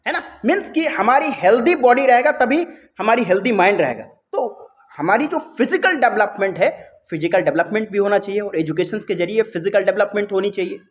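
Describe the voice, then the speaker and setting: A man's voice: sits high, expressive, fairly quick. A man with an Indian accent giving a lecture as a teacher, often adding tag questions and mixing in English phrases.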